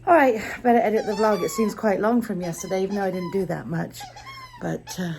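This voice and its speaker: A woman's voice: mid-range voice, huge pitch swings, fairly quick, vocal fry, noisy background. A woman chatting casually to her viewers in a daily vlog, talking to them directly. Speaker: vlogger.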